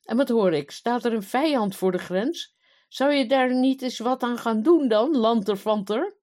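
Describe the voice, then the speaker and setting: A woman voicing a storybook king who scolds and shouts in fury. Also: fairly high pitch, unhurried, pitched above the performer's own voice, lightly acted. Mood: angry. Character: kind-hearted king turned blustering, man.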